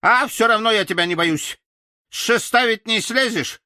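A man voicing a cheeky, mocking female crow with a croaky voice. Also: high-pitched, normal speed, bright, forceful tone, no room sound, studio quality, pitched above the performer's own voice. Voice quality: hoarse croaky.

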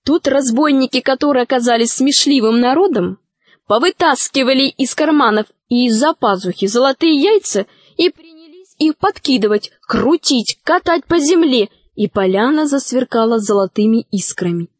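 A woman reads a children's fairy tale aloud in a lively, expressive way. Her voice is high and carries clearly. She sounds close to the mic in a dry, dead space. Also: moderate pace, dry recording. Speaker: audiobook narrator. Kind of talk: storybook narration.

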